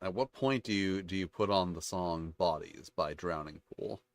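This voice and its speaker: A man with a low voice works through a page of game rules, reading each one out and then wandering into loose, talky asides full of restarts. His voice sits dry and close, with no room sound around it. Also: normal speed, no room sound. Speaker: channel host reviewing tabletop games. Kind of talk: casual commentary reading rules aloud.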